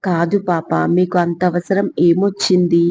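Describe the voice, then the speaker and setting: A woman voicing a gentle, motherly housekeeper in an audio story, coaxing and soothing. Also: lowish voice, flat delivery, unhurried, breathy edge, lo-fi sound.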